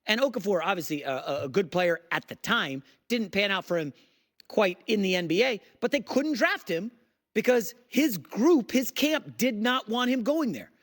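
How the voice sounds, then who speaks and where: A man's voice: high voice, sing-song, moderate pace, a bit bright. Fired-up sarcastic male sports radio host. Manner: worked up and sarcastic. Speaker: fill-in sports talk host. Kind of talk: sports talk radio rant. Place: radio studio.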